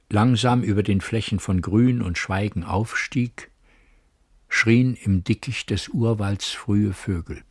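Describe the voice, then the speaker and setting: A man narrating a literary radio drama in a measured, grave storytelling manner. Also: deep voice, a little mellow, slightly rough, no echo, studio quality.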